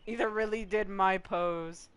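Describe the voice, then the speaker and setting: A woman's voice: mid-range voice, steady tone, measured pace, clear, resonant tone. Joking, foul-mouthed woman streamer. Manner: joking, profane, talks over the game. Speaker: streamer playing a video game. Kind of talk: casual live commentary. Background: faint game music.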